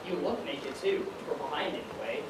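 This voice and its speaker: A teenage student actor plays a nervous, doubtful young factory worker in a high school stage play, delivering lines anxiously and with exclamations. His voice is a little high, expressive, and close to an everyday voice, at a moderate pace. The mic is far away on a large-room stage, so the sound is echoey and noisy.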